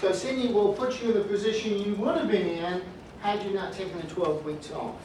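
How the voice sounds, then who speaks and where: A man's voice: high voice, brisk, a little mellow, slight background noise. A man teaches a business law class, moving through his points and tossing dry jokes at students he calls by name. He sounds distant from the mic, and the classroom echoes strongly around him. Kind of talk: classroom lecture.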